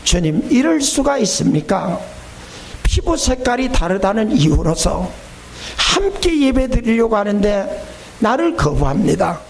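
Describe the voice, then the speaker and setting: A man's voice: high voice, very animated, unhurried, creaky, slight background noise, heavily acted. A male preacher voicing a man who was turned away from a church, pleading tearfully in prayer.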